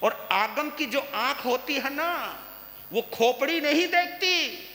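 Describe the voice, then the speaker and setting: A man preaching a sermon as a monk, slow and emphatic, repeating phrases and putting questions to his listeners. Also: very high-pitched, sharp tone. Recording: echoey hall with long reverb and faint hiss.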